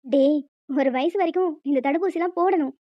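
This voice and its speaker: A woman voicing a brisk, matter-of-fact young doctor in a cartoon, a little teasing. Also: high-pitched, dry recording, muffled recording, close to an everyday voice. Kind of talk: cartoon voice acting.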